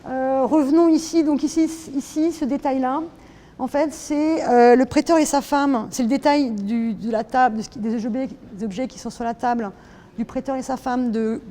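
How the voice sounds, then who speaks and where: A woman's voice: fairly high pitch, warm tone. A French woman artist giving a casual guided tour of her own drawing, hesitant, with many restarts and fillers. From France. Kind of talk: casual spoken explanation.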